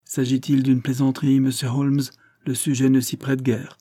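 A man's voice: mid-range voice, little pitch movement, moderate pace, mellow, dry recording, studio quality, voice pushed up, natural voice. A man voicing a proud, stern aging aristocrat who speaks in a stately, impatient way in an audiobook reading. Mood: grave.

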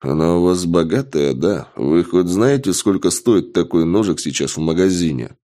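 A man voicing a tired, irritated middle-aged male investigator with a stern, gruff way of questioning, in an audiobook. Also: low voice, expressive, normal speed, dark tone. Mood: lecturing. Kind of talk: audiobook character voice.

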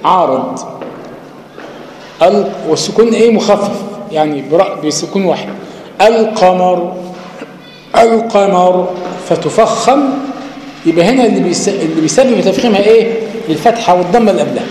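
High-voiced Egyptian sheikh in an echoey hall. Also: male voice, expressive, fast, darkish tone. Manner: explains step by step, asking and answering his own questions. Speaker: sheikh teaching Quran recitation rules. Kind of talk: spoken lecture. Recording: echoey hall with faint noise.

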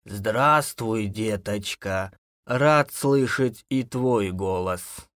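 A man reading an audiobook, voicing an old undead male ghoul who coaxes in a slow, falsely gentle way. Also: on the low side, dry recording, studio quality. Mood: wheedling. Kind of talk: audiobook character voice.

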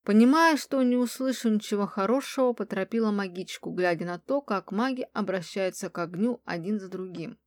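A woman reading a novel aloud in the first person, in a measured, subdued way. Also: medium pitch, darkish tone, no echo, clean studio sound. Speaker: audiobook narrator. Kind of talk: first-person scripted narration.

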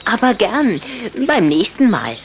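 A woman's voice: mid-range voice, very animated, measured pace, a little hiss or hum. A woman playing a boastful, touchy little boy vampire in a children's audio drama, with a mocking, giggly manner. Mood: brash, cheeky.

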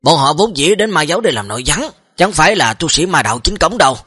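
A man narrating an audio story, dropping chatty asides to listeners. His voice is bright and lively in pitch, slightly husky, and sounds dry. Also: quick pace, no room sound.

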